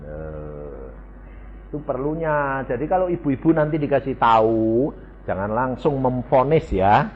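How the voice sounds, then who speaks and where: Elderly preacher in his 80s, animated folksy sermon delivery, dull radio-broadcast sound. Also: mid-range voice, measured pace, a little hiss or hum. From Indonesia. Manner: folksy storytelling to the congregation.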